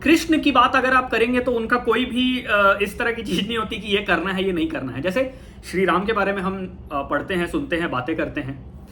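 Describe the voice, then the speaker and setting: A man giving a casual talk on spirituality, thoughtful, pausing and correcting himself often. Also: sits high, bright, forceful tone, slight background noise. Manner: thoughtful, with frequent fillers and self-corrections. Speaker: talk host.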